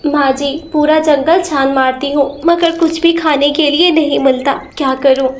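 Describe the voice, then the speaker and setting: A woman's voice: high-pitched, steady tone, moderate pace, close to an everyday voice. A woman voicing Champa, a grieving sparrow widow. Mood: resolute. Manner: tearful, sobbing. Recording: roomy echo.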